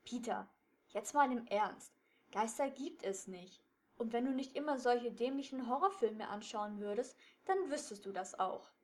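A woman's voice: a little high, moderate pace, lightly acted. A woman voicing a clever teenage boy detective who explains firmly and a little impatiently. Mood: insistent. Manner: firm, explaining, slightly impatient.

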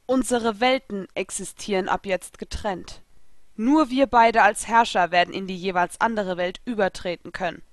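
Storybook spirit king, regal and grave, ceremonial as a woman reads him, louder than her narration, dry sound. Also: mid-range voice, normal speed, no room sound, natural voice. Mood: solemn. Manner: formal, ceremonial speech.

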